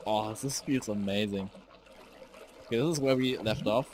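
A man's voice: lowish voice, moderate pace. Young male streamer rambling over noise. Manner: rambling, easily startled, swears and shouts at enemies. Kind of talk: live gameplay commentary.

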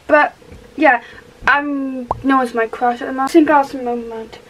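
A woman's voice: high-pitched, fairly even intonation, moderate pace, a bit bright, slight background noise, poor audio. A Welsh teenage girl chatting in a rambling, upbeat way while doing her makeup in her bedroom, talking to the camera. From Wales. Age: teens. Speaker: vlogger. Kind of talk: casual get-ready-with-me chat. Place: small bedroom indoors.

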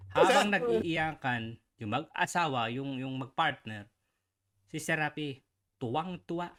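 A man's voice: medium pitch, measured pace, a bit bright. A man giving casual, teasing reaction commentary with sarcastic asides. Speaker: online commentator.

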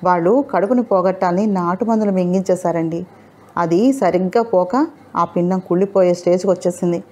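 A woman narrator voicing an earnest, upright young male doctor who speaks in a gentle, sincere way. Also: lowish voice, fairly even intonation, fairly quick, lightly acted.

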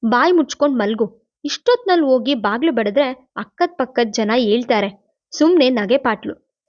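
A woman's voice: fairly high pitch, lively intonation, moderate pace, a little mellow, lo-fi sound, natural voice. A woman voicing an irritable elder brother who scolds harshly in a storybook reading. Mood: irritated.

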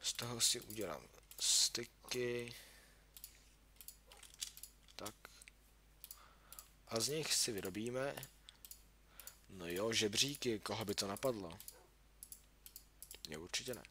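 A man's voice: fairly low pitch, pauses often, pushed and bright, slight background noise. A young man casually commenting on his own game as he plays, talking to himself and yelping when startled. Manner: chatty, talks to himself, yelps in alarm. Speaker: gaming YouTuber. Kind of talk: casual let's-play commentary. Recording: clear keyboard clicking under voice. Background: keyboard and mouse clicks.

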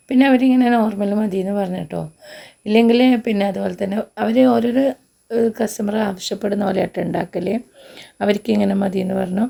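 Husky, gravelly woman narrating a cooking vlog. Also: mid-range voice, dark tone. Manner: chatty, homely, frequent tag particles. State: short of breath. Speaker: cooking vlogger.

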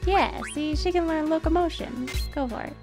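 This is casual livestream gameplay chat from a young adult woman with a high-pitched voice and normal pace, who giggles as she talks to viewers. She uses a close-up boom-arm mic in an indoor streaming room, with faint game music in the background.

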